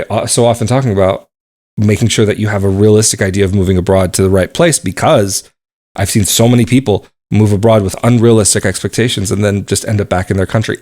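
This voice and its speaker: In a casual solo podcast monologue, the host speaks in a fairly low, darkish voice. He rambles conversationally and at length, frequently starting over and hedging what he says with qualifiers.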